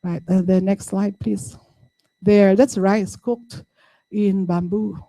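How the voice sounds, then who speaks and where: A Filipino-accented woman gives a university lecture, walking through each point patiently and checking that the class follows. Her voice is mellow and darkish. The recording is close and dry. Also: medium pitch, steady tone, takes it slowly, dry recording. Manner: code-switching, explaining patiently with frequent "no?" and "okay?". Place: lecture room.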